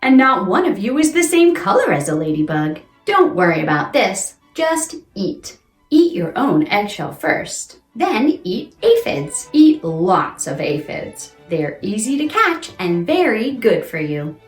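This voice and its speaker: A woman with a mid-range voice, very animated but a little slow, presents playful science lessons and read-alouds for children. She is exaggerated and exclamatory and keeps asking questions of her young listeners. The recording is roomy and echoey, with music playing underneath.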